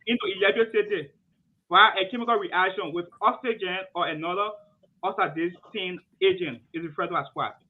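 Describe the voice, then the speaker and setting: A Liberian man acting as quizmaster reads questions a little fast in a high-pitched voice, emphatically ruling on the answers and repeating his verdicts. The recording sounds muffled and lo-fi, with faint noise.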